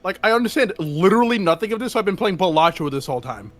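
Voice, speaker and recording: Male player, high and lively voice, teasing, bemused. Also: rapid-fire, faint music behind. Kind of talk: casual post-session chat.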